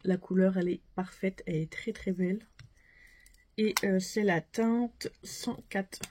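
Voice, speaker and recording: A woman's voice: mid-range voice, fairly even intonation, a little slow, a little mellow. A young woman chatting casually through a makeup haul, chatty and full of fillers. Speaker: beauty vlogger.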